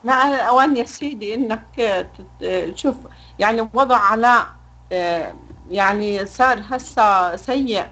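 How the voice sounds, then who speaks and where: A woman's voice: a little high, racing, a bit bright, highs cut off. A mother from Jordan with a Jordanian Arabic accent, making an emotional, pleading appeal in a live interview. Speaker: mother of a detained son.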